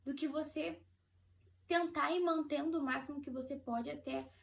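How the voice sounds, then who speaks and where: A Brazilian woman vlogger with a high voice tells a personal story straight to her viewers. She talks in a chatty, animated way and laughs easily. Her voice sits a little back from the microphone. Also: moderate pace, vocal fry, recorded from a distance. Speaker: vlogger, mother of four. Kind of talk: casual storytelling to camera.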